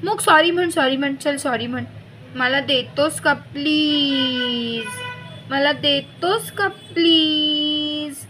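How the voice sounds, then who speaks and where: A woman's voice: high-pitched, brisk, few pauses, a bit bright, slight background noise, pitched above the performer's own voice. A woman reading a storybook, voicing a young girl who pleads and wheedles with her little brother. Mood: pleading. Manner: whiny, wheedling. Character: pleading, teasing older sister girl.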